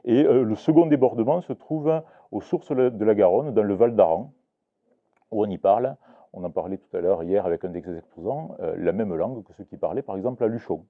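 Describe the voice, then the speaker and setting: Speaking briskly in a low voice, an Occitan teacher lectures live at a book fair, hesitant and full of fillers and restarts. The sound is tinny.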